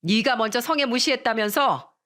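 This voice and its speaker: A woman's voice: fairly high pitch, normal speed, natural voice. Woman playing a strict scolding mother. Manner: scolding, sharp.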